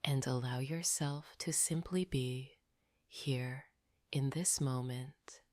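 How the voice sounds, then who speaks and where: Sleep story narrator: woman, low soft half-whisper, very unhurried, soothing bedtime delivery over music. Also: fairly even intonation, no echo, clean studio sound. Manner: soothing, unhurried, gently guiding listeners to rest. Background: background music.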